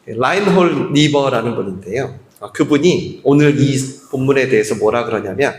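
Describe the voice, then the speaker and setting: A man's voice: mid-range voice, lively intonation, moderate pace. A man preaching a sermon as pastor, chatting with the congregation and asking them questions. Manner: conversational preaching with quoted voices and questions to the congregation. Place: church sanctuary. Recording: echoey church hall with long reverb.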